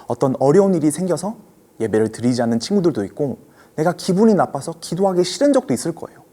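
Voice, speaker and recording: A man preaching a children's sermon, his pitch rising and falling in a lively, animated way. His voice is mellow and a little husky, and he speaks gently, often turning to the kids with questions.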